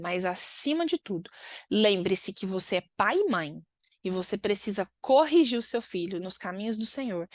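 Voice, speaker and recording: A woman's voice: medium pitch, no echo. A woman with a Brazilian Portuguese accent gives earnest devotional teaching, reading a passage and then directly exhorting parents.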